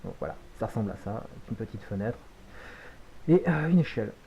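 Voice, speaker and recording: Very dark-voiced man explaining a game. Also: on the low side, lively intonation, gravelly, highs cut off, a little hiss or hum. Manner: chatty, frequent hesitations and quick self-corrections. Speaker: gaming video host. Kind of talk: relaxed game tutorial commentary.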